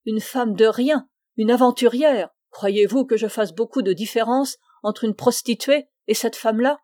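A woman's voice: fairly high pitch, normal speed, dark tone, no room sound, studio quality, natural voice. A woman reading the part of a stern, devout older mother who speaks coldly and commandingly. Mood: indignant. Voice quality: cold, commanding.

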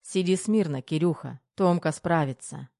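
Reader playing a grumbling old general and father, commanding and firm, slightly louder than the narration. audiobook read, dry and close to the mic. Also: medium pitch, normal speed, creaky, no echo, natural voice.

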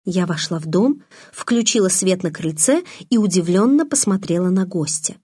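A woman narrating a novel in the first person, in an even, measured storytelling manner. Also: lowish voice, husky, no echo, studio quality. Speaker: audiobook narrator.

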